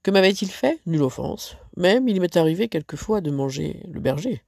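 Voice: medium pitch, animated, normal speed, creaky, darkish tone, no room sound, clean studio sound. A teacher reading aloud a fable, voicing a pompous, self-serving lion king in solemn verse.

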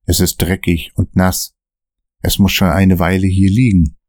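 Low voiced guy narrating a story podcast, steady, close dry sound. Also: a little slow, no echo.

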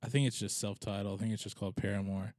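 Laid-back young man with a low, mellow voice. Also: steady tone, rapid-fire, no room sound, studio quality. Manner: laid-back, teasing, lots of filler words. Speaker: podcast host. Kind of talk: casual chat.

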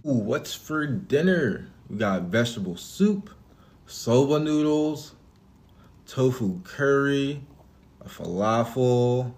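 A man's voice: mid-range voice, animated, takes it slowly, a little mellow. A young man co-hosting a podcast in easygoing casual chat, swearing casually. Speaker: podcast co-host.

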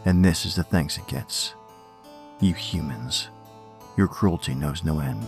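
A man's voice: low-pitched, unhurried, vocal fry, soft background music. A man playing an aggrieved, sardonic inhuman horror podcast host who scorns humanity in a dry, disdainful manner. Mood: wounded disdain.

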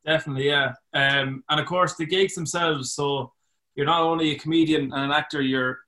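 A man's voice: fairly high pitch, steady tone, fairly quick, pushed and bright. An Irish man aged twenty, hosting a podcast and asking questions in a casual interview style. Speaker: podcast host.

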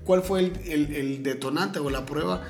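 A man's voice: fairly high pitch, moderate pace. A man, co-hosting a podcast and telling anecdotes in casual chat, laughing often. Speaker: podcast co-host. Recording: echoey room with faint music.

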